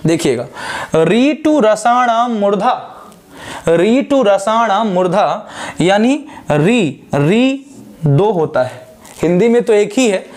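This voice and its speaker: A young man with a high voice and a Purvanchal Hindi accent teaches grammar at a board. He is emphatic and says the sounds over slowly so learners can copy them. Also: a little mellow. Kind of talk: whiteboard grammar lesson.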